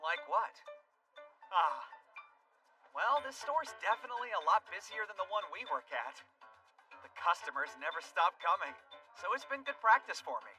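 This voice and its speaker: A man playing an earnest, energetic young fast-food worker in an English anime dub. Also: sits high, recorded from a distance, faint music behind, exaggerated voice, rough recording. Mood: flat, uneasy. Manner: energetic, customer-service pep.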